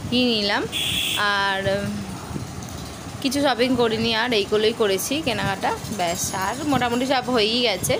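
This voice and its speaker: A woman's voice: on the high side, noisy background. A woman talking casually to her viewers as she cooks in her home kitchen, chatty and direct. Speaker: home vlogger.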